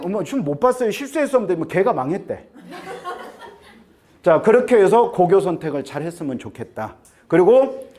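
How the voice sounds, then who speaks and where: Male admissions consultant speaking to parents: a fairly high voice that swings up and down a lot, chatty and joking, keeps asking the room to agree. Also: darkish tone. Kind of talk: lecture to parents. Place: seminar room with an audience.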